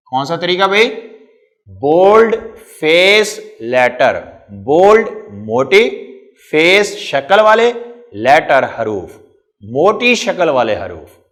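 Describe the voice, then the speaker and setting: Lively, slow-paced teacher. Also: male voice, fairly high pitch. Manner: asks quiz questions and answers them himself, stretches key terms. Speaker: physics teacher. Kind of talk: classroom lecture.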